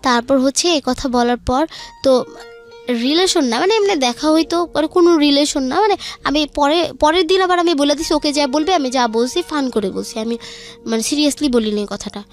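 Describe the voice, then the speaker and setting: Music underlies a young woman's high-sitting voice, Bangladeshi-accented and at a normal pace. A guest on the show, she tells her own story conversationally, recounting each back-and-forth in colloquial language.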